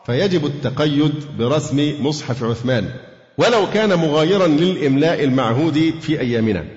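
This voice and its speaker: A man with an Egyptian accent teaching a Quran commentary lesson to a class, quizzing students and reciting verses slowly. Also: medium pitch, darkish tone. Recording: echoey hall, dull lo-fi sound.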